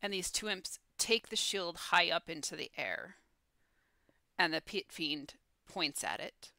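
Woman running a d&d game, slow bright gravelly voice, dry close sound. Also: fairly low pitch, no room sound. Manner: measured, deliberate narration. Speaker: dungeon master. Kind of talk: narrating a tabletop game.

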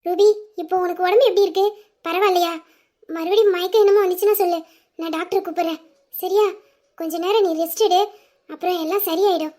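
A woman voicing a calm protective police sister. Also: very high voice, fast, pauses often. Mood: soothing worry. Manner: steady, reassuring, firm. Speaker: police officer. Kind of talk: Tamil audio drama acting.

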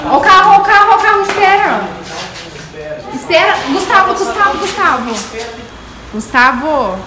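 A young Brazilian woman, a mother of twins, chatting casually to her vlog audience and searching for words as she goes. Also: fairly high pitch. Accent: Brazilian Portuguese. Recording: home recording with background noise.

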